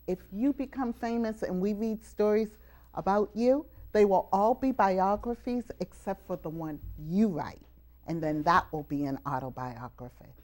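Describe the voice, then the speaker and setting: A TV host leading a group of students talks to the children before a live audience at a college venue. Her mid-range voice sounds warm. She speaks emphatically like a teacher, drawing the kids out with questions.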